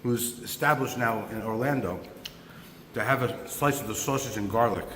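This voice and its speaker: A man from New Jersey hosting a food vlog, tasting pizza and hyping it with loud bursts of excited praise in a hotel press room. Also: mid-range voice, normal speed. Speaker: pizza reviewer host. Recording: echoey hall with faint background noise.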